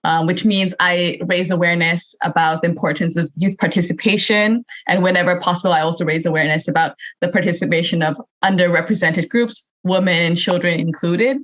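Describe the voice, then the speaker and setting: A woman's voice: fairly low pitch, fairly even intonation, a little fast, few pauses, fairly bright tone. A young adult woman from Thailand, answering conversationally as a podcast guest. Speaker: podcast guest, youth energy advocate. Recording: dull lo-fi remote recording.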